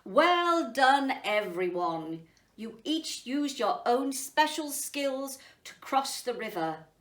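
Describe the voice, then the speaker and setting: A woman's voice: high-pitched, sing-song, slow, fairly bright tone, exaggerated voice. A woman voicing a grand, jovial, kindly male emperor who makes proclamations in a children's storybook. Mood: grand, celebratory. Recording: roomy echo, distant mic.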